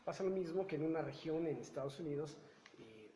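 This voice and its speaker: A man's voice: a little high, lively intonation, brisk, dark tone. A man retelling a story in casual book talk, with many restarts. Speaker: book club co-host. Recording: echoey room with faint noise.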